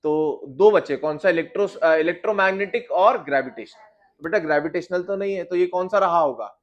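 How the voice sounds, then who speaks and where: A man with a high voice teaches physics in a lecture, putting questions to his students and answering them himself. He talks. The recording is a little dull and lo-fi. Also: normal speed. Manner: explains with questions to students, addresses them as beta. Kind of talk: classroom lecture.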